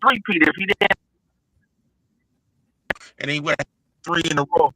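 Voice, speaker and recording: A man's voice: a little high, measured pace, pushed and bright, slight background noise, rough recording. A man chatting casually about sports on a remote call whose audio is choppy and breaking up. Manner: loose slangy talk. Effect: choppy glitchy call audio. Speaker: podcast panelist. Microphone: remote video call.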